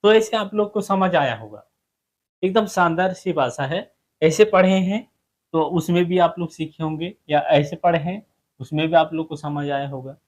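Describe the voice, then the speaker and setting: A man with a notably high voice teaches short phrases in a relaxed, homemade lesson. He says each one slowly, repeats it, and keeps checking in with the listener. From central India. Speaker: language teacher. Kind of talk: casual spoken lesson.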